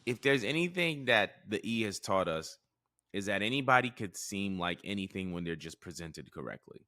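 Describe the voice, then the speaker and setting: A man co-hosting a casual chat show, leading the topics in a clear, steady, presenter-like way. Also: on the low side, normal speed, dry recording. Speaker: podcast co-host.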